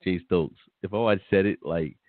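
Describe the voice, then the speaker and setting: A man's voice: sits low, normal speed, dry recording. Blunt man on a tinny phone line. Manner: blunt, dismissive, repeats himself. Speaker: podcast co-host. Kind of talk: casual opinion chat.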